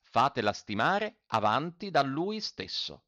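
A man voicing a measured country lawyer who explains things calmly. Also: medium pitch, no echo, highs cut off, voice pushed up, exaggerated voice. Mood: explaining.

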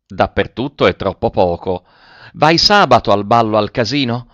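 A man reading aloud voices a mysterious, proud masked noblewoman, speaking in a secretive, softly reproachful way. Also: lowish voice, lively intonation, moderate pace, no echo. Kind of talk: audiobook reading. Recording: dull lo-fi recording.

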